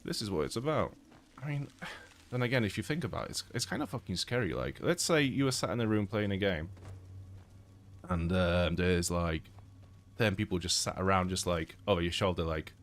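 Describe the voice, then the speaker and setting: During a gaming live stream, a young Polish man chats in a deep, expressive voice at a moderate pace. He's a bit congested and rambles on, swearing often and restarting himself amid plenty of fillers.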